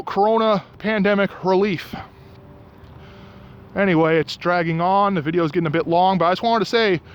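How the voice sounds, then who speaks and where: A man's voice: sits high, highs cut off. A man ranting in a casual vlog, getting worked up and angry, recorded outdoors at night by some restaurants. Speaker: vlogger.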